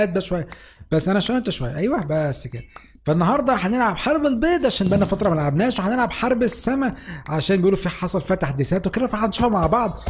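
Young egyptian guy yelling and joking thru a minecraft game, talks super fast, bit of hiss behind. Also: sits high. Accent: Egyptian Arabic. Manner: excitable, joking, teasing other players. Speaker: gaming YouTuber. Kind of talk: Minecraft let's play commentary.

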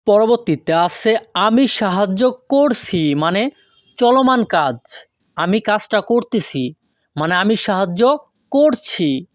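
Slow, deliberate teacher. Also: mid-range voice, dry recording, studio quality. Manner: deliberate, repeats each foreign phrase slowly, asks and answers own questions. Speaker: language teacher. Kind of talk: online language lesson.

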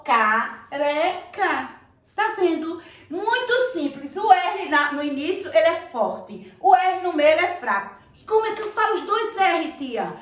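A woman's voice: high voice, a bit bright. A Brazilian woman teacher giving a playful, affectionate lesson to young children. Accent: Brazilian Portuguese. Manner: playful, affectionate, sing-song teacher talk. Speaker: primary school teacher. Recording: echoey room, voice a bit far from the mic.

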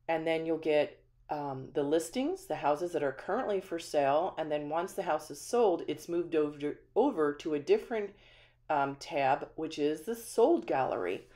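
Walking through a renovated small house that stands empty, a community manager for manufactured homes offers a friendly, talkative tour full of ums. She speaks in a low-pitched, dark voice, first indoors and later in voice-over.

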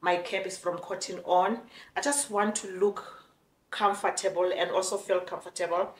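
A woman's voice: on the low side, fairly even intonation, normal speed, slight background noise. Chatty South African woman in her forties. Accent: South African, Xhosa. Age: 40s. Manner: chatty, frank, mixes in Xhosa phrases. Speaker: vlogger. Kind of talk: casual vlog chat to camera. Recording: echoey room with faint music.

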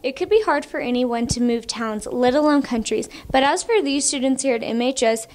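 Higher-voiced student news narrator. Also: female voice, a little fast. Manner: even, read-aloud delivery. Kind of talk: scripted narration.

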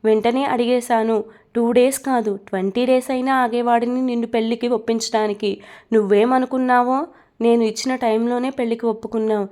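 Domineering young husband in a storybook reading, fairly high-pitched, as a woman narrator reads him. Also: fairly even intonation, fairly quick, warm tone, lightly acted. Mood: tender. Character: domineering young man turned tender husband.

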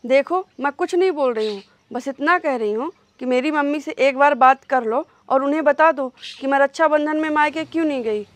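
A woman's voice: sits high, brisk, few pauses. A woman playing a wife in a comedy sketch, insistent and taunting toward her husband. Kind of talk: scripted comedy sketch acting.

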